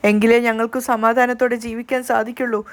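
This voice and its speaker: Grieving son, pleading fast and smooth, read by a woman narrator. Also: on the high side, little pitch movement, natural voice. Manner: pleading and tearful. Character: anxious grieving young man, a devoted son.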